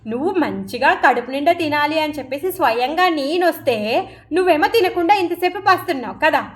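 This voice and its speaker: A woman voicing a divine young boy who patiently and lightly chides a priest in a soft tone. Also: sits high, expressive, brisk. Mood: gentle reproach.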